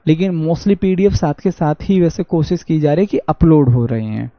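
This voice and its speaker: A man with a Haryanvi accent teaching an online exam-prep English class, reading sentences slowly and answering his own questions. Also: on the high side, expressive, no room sound. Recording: dull dry lo-fi audio.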